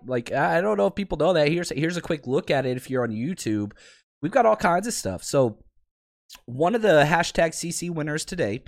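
A man with a raspy, hoarse voice that he is losing, hosting a podcast with casual, rambling sports talk to his listeners. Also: fairly high pitch. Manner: animated, rambling, conversational. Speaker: podcast host.

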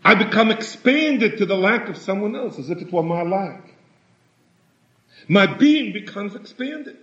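A man giving a sermon in a halting way, often repeating words and rising in pitch for emphasis. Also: expressive, bright, forceful tone. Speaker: rabbi. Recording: echoey room, dull lo-fi sound.

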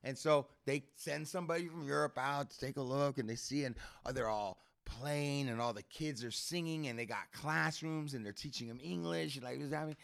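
Here the same kind of podcast co-host talks fairly quickly with almost no pauses, his mid-range voice a bit bright and edged with vocal fry. He keeps circling back over his points while excitedly recounting a story, dropping "bro" and "dude" constantly.

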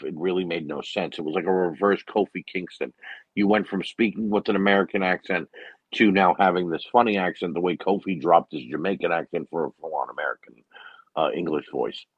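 A man's voice: sits low, no room sound, dull audio. A man giving a casual, rambling solo recap of a wrestling show, full of opinions and filler words.

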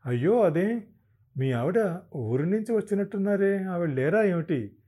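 This is a nosy, preachy older neighbor from a spoken novel, as a male narrator puts him on. His voice sits higher and louder than the storyteller's own. He pries and then moralizes at length. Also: animated, normal speed. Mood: prying. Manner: prying and preachy.

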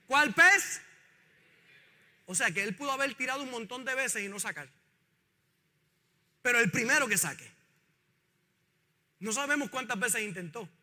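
Male pastor, animated sermon delivery, very high and sharp tone, long hall reverb. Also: normal speed, long pauses. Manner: animated preaching, calls on the congregation to repeat lines.

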